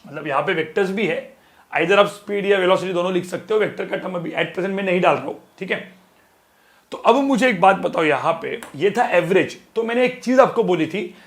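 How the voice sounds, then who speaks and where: A high-voiced male physics teacher lecturing a class. He keeps asking the students questions and slowly repeats each formula so it sticks.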